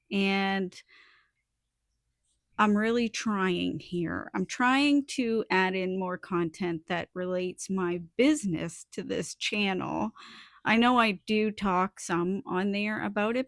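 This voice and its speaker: A woman vlogger chatting casually to her viewers in an informal, halting way, thinking aloud as she goes. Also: mid-range voice, no echo, clean studio sound. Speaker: vlogger and small soap business owner. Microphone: small add-on phone microphone.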